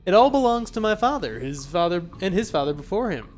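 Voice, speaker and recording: A man's voice: high-pitched, big pitch swings, a little fast. A man voicing a creepy, overly polite male innkeeper who claims a lisp and stresses words oddly. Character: creepy grinning male innkeeper, suspiciously cheerful.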